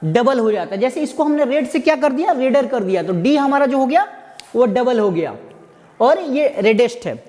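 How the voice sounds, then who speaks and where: A man teaching grammar, who asks his students rhetorical questions and answers them himself, and repeats and spells out words slowly. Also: very high-pitched, lively intonation, a little mellow. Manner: slow, repetitive explaining with spelled-out words. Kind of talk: explaining lesson to students. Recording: echoey room with faint background noise.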